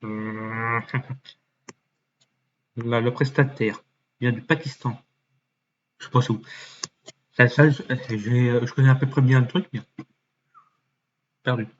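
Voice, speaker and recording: A man thinking aloud as he clicks through a website, muttering and swearing under his breath, with many fillers and sudden jumps into a mock high voice. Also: fairly even intonation, slow, long pauses. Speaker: YouTuber. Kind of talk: casual screen-recording commentary. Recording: dull lo-fi mic with faint noise.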